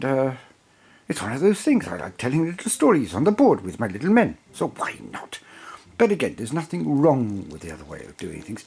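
Rambling man, lively pitch. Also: breathy edge. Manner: rambling and digressive, self-described waffler. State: tired. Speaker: hobby channel host reviewing a game book. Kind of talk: casual chat.

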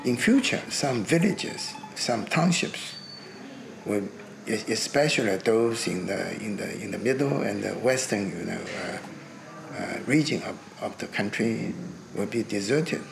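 A man giving a translated interview answer in a halting way, with fillers. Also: lowish voice, expressive, vocal fry, music in the background, poor audio.

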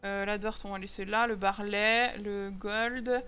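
A young woman commenting on her Minecraft game in a chatty, excitable way, often laughing and squealing. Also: mid-range voice, a little slow, clear, resonant tone. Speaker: gaming video host. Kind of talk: Minecraft let's play commentary. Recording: faint music underneath. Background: faint background music.

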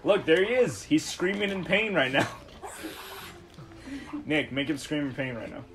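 A man chatting excitedly while playing a racing game with friends, yelping when he loses. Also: a little high, unhurried, soft background music. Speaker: game player. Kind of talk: casual let's-play banter.

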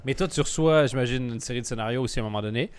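A man's voice: medium pitch, rapid-fire, clean tone. A man hosting a podcast interview, chatting casually and cutting in with crude jokes. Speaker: podcast host.

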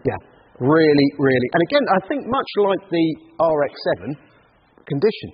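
Male car specialist, husky and fairly high, emphatic and admiring, informal walk-round delivery. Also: sing-song, normal speed. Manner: admiring, emphatic with repeated intensifiers. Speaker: classic car auction specialist. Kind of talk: casual car showcase chat. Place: large indoor car warehouse. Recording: muffled, echoing large hall.

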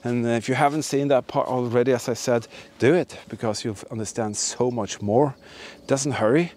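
Walking outdoors through forest and ruins, the host of a history exploration channel speaks to the camera in a medium-pitched, somewhat dark voice at a moderate pace. He's enthusiastic and emphatic, with a habit of repeating words.

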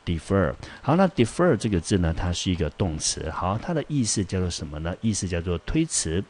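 A man's voice: low-pitched, very animated, brisk, darkish tone, a little hiss or hum. A man with a Taiwanese Mandarin accent teaching English exam vocabulary in a patient, repetitive way, with many fillers.

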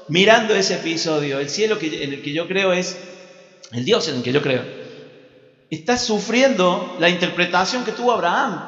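A man with an Argentine accent preaching a sermon, telling a biblical story with humour in a church hall. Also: high-pitched. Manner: animated, humorous storytelling. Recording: muffled echoey hall with piano.

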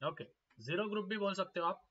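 A young man teaching a live exam-prep class, repeating each question and urging students to answer fast. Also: sits high, sharp tone, husky. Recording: slightly dull lo-fi audio.

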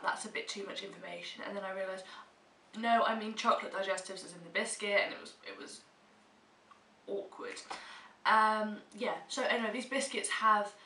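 A young adult British woman chats about her monthly favourites to camera, emphatic and casual despite a stuffy cold. Her voice is medium in pitch with a sharp tone. Filmed indoors in a small home room, the clip has a distant mic, roomy echo and faint hiss.

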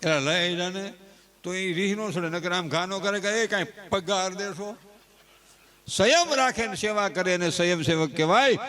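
Before a live crowd, a man with a high, somewhat bright voice spins funny folk tales. He teases and chats as he goes, peppering his talk with homely sayings.

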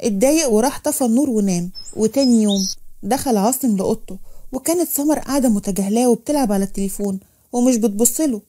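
A woman's voice: fairly high pitch, fast talker, warm tone. A woman with an Egyptian accent narrating a scripted romance story. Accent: Egyptian Arabic.

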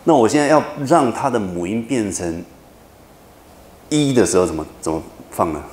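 A male university lecturer explains step by step, repeating key points and checking in with his students. His voice sits a little low. The classroom sounds roomy, with a faint background hiss. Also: animated, normal speed, darkish tone. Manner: patient, repetitive explaining with frequent checking questions.

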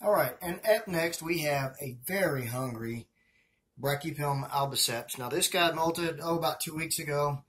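A man's voice: a little high, moderate pace, a bit bright, a little hiss or hum. A man with a Southern US accent narrating a casual feeding video as a hobbyist keeper, chatty and rambling, talking to viewers as guys. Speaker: hobbyist scorpion and tarantula keeper.

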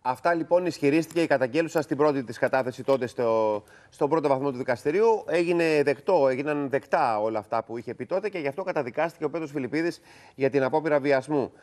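A man's voice: medium pitch, darkish tone. A man hosting a TV news panel, recapping a court case and handing questions to his co-hosts. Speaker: TV news show host. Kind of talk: studio news discussion.

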